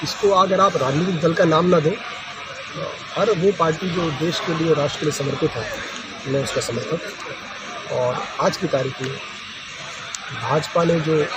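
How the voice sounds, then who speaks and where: A man answering a reporter's questions at a farmers' meeting, speaking earnestly and formally, sometimes restarting his words. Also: fairly high pitch. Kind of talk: spontaneous on-the-spot interview. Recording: outdoors with loud background noise. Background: loud outdoor ambience.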